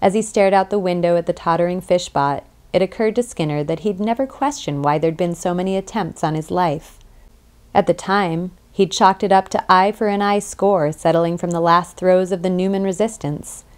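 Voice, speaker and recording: Female audiobook narrator, lowish, measured storytelling. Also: smooth. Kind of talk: scripted narration.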